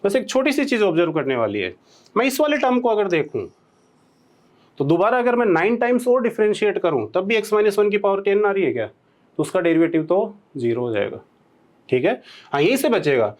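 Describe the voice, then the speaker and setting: A man with an Indian accent teaching maths from a board, often checking in with rhetorical questions and slowing down to dictate formulas. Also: high voice, very animated. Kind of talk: blackboard lecture.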